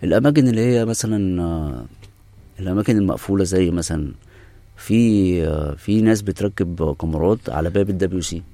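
Male expert guest, Egyptian Arabic accent, deep dark voice, casual explanatory interview delivery. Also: quick pace, no room sound. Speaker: interview guest, camera specialist.

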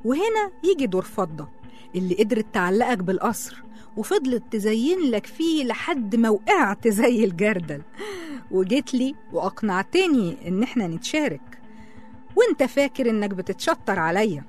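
A woman with an Egyptian accent playing a cunning young woman who calmly taunts her rival. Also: a little high, moderate pace, faint music behind. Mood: gloating, calm. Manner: calm, taunting, in control. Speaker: office colleague. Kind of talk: radio drama acting.

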